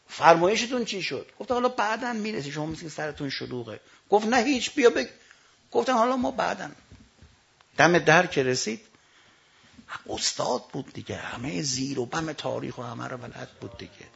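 A man preaching a storytelling sermon, swinging from hushed narration to loud declaiming, with slow drawn-out recitations. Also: fairly high pitch, expressive, gravelly, breathy edge, highs cut off.

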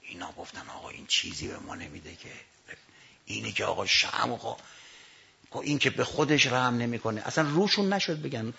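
A man preaching a storytelling sermon, swinging from hushed narration to loud declaiming, with slow drawn-out recitations. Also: mid-range voice, animated, vocal fry, husky, highs cut off.

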